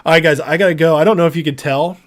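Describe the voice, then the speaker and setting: Talking very fast in a fairly high, fairly even voice, an American man hosts a casual livestream. He reads viewers' comments and chats with them in a chummy way, though his voice is giving out as he gets over an illness.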